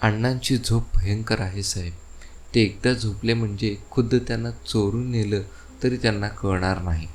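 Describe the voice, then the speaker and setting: A man's voice: fairly low pitch, fairly even intonation, normal speed, a little hiss or hum, close to an everyday voice. A man reading the part of a chatty neighbour who keeps blurting out remarks. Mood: gossipy.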